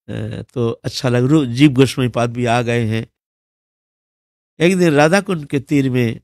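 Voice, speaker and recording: A man preaching a devotional storytelling sermon in an unhurried way, often pausing with fillers. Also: mid-range voice, gravelly, no echo, studio quality. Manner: unhurried, with frequent fillers and restarts. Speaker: religious preacher.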